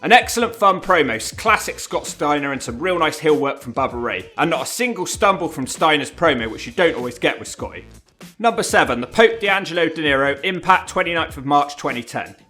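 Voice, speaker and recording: A man narrates a countdown video with a bright, fairly high voice and very lively intonation. He is wry and informal, with music playing underneath. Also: fairly quick. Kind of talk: scripted video narration commentary. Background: background music.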